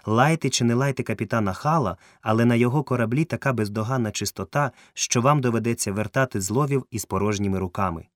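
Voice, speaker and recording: A man voicing a polite, genteel lady who gently teases her cousin, recorded close and dry. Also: mid-range voice, fast, hardly any pauses, no echo, close to an everyday voice. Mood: courteous, teasing. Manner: gently teasing, courteous.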